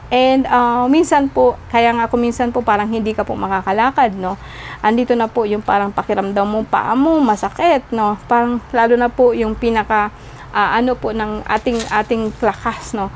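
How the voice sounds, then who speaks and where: A woman's voice: fairly high pitch, fairly even intonation, moderate pace, slight background noise. A woman giving a tarot reading straight to the viewer, courteous and chatty, mixing English phrases into her talk and ending almost every sentence with a questioning "no?". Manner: polite, tags nearly every sentence with a questioning "no?". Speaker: tarot reader.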